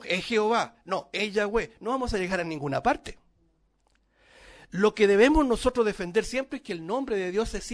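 A man preaching a sermon to his congregation, lifting his voice on key words and dropping to a hush at the ends of phrases. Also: high voice. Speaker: pastor.

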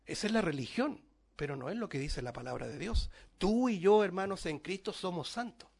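A man preaching a sermon to his congregation, lifting his voice on key words and dropping to a hush at the ends of phrases. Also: high-pitched, animated, brisk, creaky, slightly rough. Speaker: pastor.

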